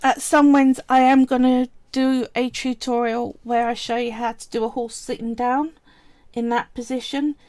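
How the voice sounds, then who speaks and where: A woman with a high-sided, darkish voice and little pitch movement explains a polymer clay sculpting project to live-stream viewers, recorded without echo. Her manner is chatty and casual, punctuated by frequent pauses for "right" and "so."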